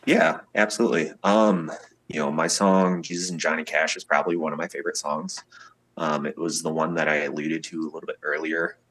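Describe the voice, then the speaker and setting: Here the same kind of guest, a male singer-songwriter, sounds rumbling and low, husky yet a touch bright, keeping a steady tone at a brisk clip. In relaxed podcast interview chat, he spins stories and performs the voices of those he quotes.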